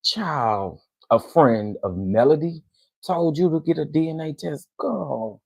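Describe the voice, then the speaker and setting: Host reacting to a clip: a man with a gravelly, husky voice, loud and scolding, dry close sound. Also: a little high, expressive, takes it slowly, no echo, rough recording. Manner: loud, scolding, talks straight to viewers. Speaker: reaction commentator. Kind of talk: reaction commentary.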